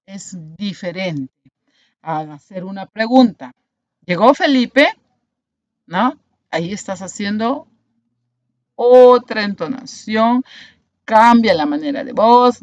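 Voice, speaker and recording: Teacher, woman, mid pitch; patient explainer with tag questions, dry, dull lo-fi audio. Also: no echo. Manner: explanatory, checks understanding with frequent "¿no?". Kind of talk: online grammar class.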